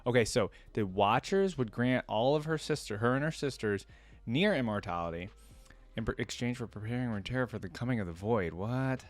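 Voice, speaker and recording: A man hosting a video game lore reaction series speaks at medium pitch, animated and brisk. He switches between reading aloud and informal commentary, thinking aloud as he goes.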